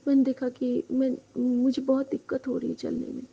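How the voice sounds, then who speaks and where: A woman's voice: high voice, completely flat delivery, normal speed, breathy edge. A woman earnestly retelling a dream to her congregation as a devotional testimony, speaking to her listeners directly. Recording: dull lo-fi recording with faint noise.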